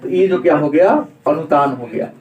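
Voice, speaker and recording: A man's voice: a little high, moderate pace, darkish tone, dull audio. A man teaching Hindi grammar in a classroom lecture, asking the class questions and then answering them himself. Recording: echoey room, mic far off.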